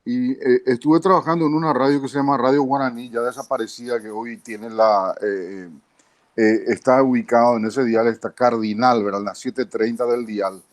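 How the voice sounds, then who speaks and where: Paraguayan man in his fifties, mid-pitched radio voice, trained diction, measured interview guest. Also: fairly even intonation, no room sound. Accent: Paraguayan Spanish. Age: 50s. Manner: measured, tags lines with a questioning aside. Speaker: guest, broadcaster and journalist. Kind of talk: interview storytelling.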